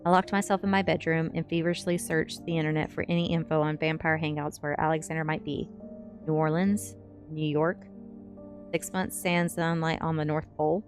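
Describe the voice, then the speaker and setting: Music runs behind this low-pitched, brisk woman's voice, steady in tone. She's a drowsy streamer doing an ASMR book reading, chatting easily with viewers between passages.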